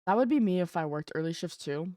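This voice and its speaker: A woman's voice: lowish voice, lively intonation, fast, dark tone, no echo. A young adult woman streaming live, chatting casually with her chat while gaming and greeting viewers by name.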